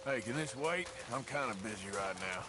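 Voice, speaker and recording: A man's voice: medium pitch, lively intonation, a little fast, noisy background, close to an everyday voice. A man playing a tough, dry-humoured outlaw gunslinger in a video game, blunt and sardonic. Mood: curt, dismissive. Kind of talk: video game character acting.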